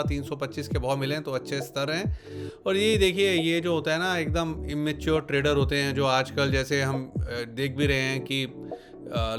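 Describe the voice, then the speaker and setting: A man hosting a casual stock-market commentary, talking viewers through charts in a chatty way, mixing in English phrases and everyday comparisons. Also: mid-range voice. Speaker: stock market analyst and channel host. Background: background music.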